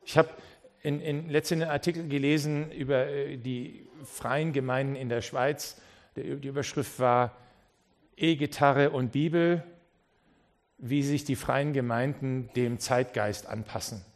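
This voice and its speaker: A man preaching a sermon in a church. He moves between quiet, low passages and loud, rising appeals, and he often repeats words and restarts. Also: fairly even intonation, a little slow.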